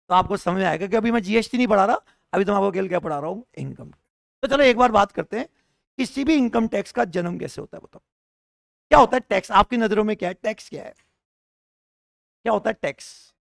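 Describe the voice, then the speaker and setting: Teaching a tax coaching class through a sore throat, this man has a high, creaky, somewhat bright voice and an expressive, brisk delivery. He jokingly and argumentatively fires rhetorical questions at his students, captured in dry, studio-quality sound.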